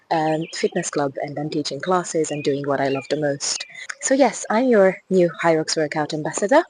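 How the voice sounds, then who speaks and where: A young Hungarian woman, a fitness ambassador, chats enthusiastically to camera with a Hungarian accent while walking along a river path for a casual vlog, restarting sentences and laughing lightly. Her deep, slightly mellow voice comes through poor audio with a bit of background noise.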